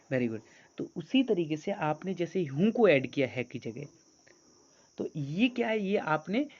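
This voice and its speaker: A man's voice: a little high, darkish tone. Male teacher coaxing students. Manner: coaxing, repeats phrases, reads English sentences slowly. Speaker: English teacher. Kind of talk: online grammar class. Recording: dull lo-fi sound.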